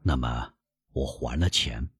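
A man reading an audiobook, voicing a frail, gentle old father who speaks weakly and softly, at times nearly whispering. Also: extremely low pitch, a little slow, breathy edge, no room sound, studio quality, pitched below the performer's own voice, full character voice. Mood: apologetic. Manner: weak, soft-spoken, sometimes whispered.

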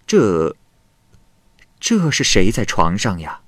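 A genial, worldly woman in her fifties who chuckles and pokes into other people's affairs, voiced by a male storyteller. Her speech is slow and sing-song, rising and falling freely. The sound is dry and close. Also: lowish voice, huge pitch swings, no room sound, exaggerated voice. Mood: chatty. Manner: cheerful, chuckling, prying.

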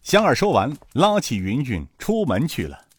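A man narrating a serialized martial-arts story in an expressive, animated way. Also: mid-range voice, moderate pace, slightly rough.

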